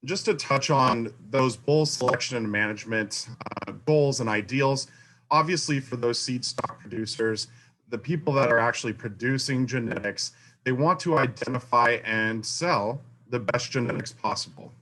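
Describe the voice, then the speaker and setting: A man's voice: mid-range voice, normal speed, a bit bright, a little hiss or hum, low-quality recording. Man on a dropping mic, volume uneven. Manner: many fillers and restarts, earnest. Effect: mic cutting in and out, uneven volume. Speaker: university faculty member giving a talk. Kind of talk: online conference presentation. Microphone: video call mic.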